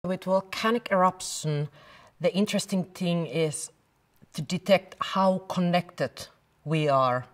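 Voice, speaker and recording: A middle-aged woman researcher with a deep, low voice speaks in a documentary interview. She pauses often and fills the gaps with hesitant sounds as she builds her point. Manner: hesitant, with many filler sounds.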